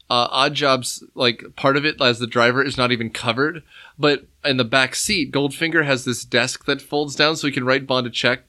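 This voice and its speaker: A man's voice: mid-range voice, pushed and bright. A man co-hosting a casual film discussion podcast, talking enthusiastically and rambling with restarts. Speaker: podcast co-host.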